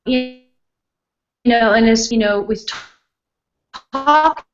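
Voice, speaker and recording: A woman co-hosting a casual web show over a video call, talking haltingly with many fillers while her internet audio breaks up, cuts out and turns robotic. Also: a little high, soft background music. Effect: glitchy, robotic internet call audio that keeps cutting out. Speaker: co-host. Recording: dull lo-fi video call line.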